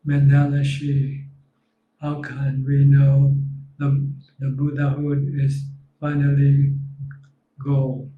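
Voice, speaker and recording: A man with a Thai accent, a monk calmly reading out viewer comments and guiding meditation in a live Q&A. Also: mid-range voice, far from the mic. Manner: slow, calm, reads viewer comments aloud. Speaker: monk answering questions. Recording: dull lo-fi sound in a roomy space.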